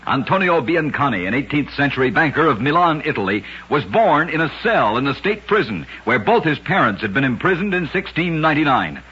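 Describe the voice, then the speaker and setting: In the style of an old-time radio narrator, a man delivers curious tales with drama and deliberation, as scripted broadcast storytelling. His fairly high voice is forceful and husky, with big pitch swings, on a dull old radio recording.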